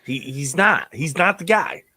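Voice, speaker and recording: A man's voice: on the high side, lively intonation, bright, forceful tone, slight background noise. A man co-hosting a casual sports podcast over a video call, blunt and profane as he teases the others. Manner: slow, blunt, profane, teasing. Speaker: podcast co-host.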